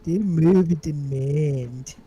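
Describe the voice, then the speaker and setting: A man chatting excitedly with friends during a game, swearing freely. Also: on the high side, slow, highs cut off, soft background music. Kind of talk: casual gaming chat.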